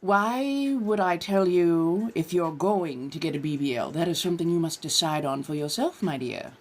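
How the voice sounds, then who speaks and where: In a fairly low, darkish voice at normal speed, a California woman casually hosts a livestream while affecting a posh colonial American accent. She speaks in put-on genteel phrases and addresses her audience as dears and darlings.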